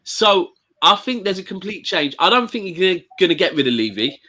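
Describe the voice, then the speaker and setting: A man's voice: sits high, sing-song, brisk, bright, forceful tone. A man on a football panel, teasing and joking in casual banter. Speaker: football pundit.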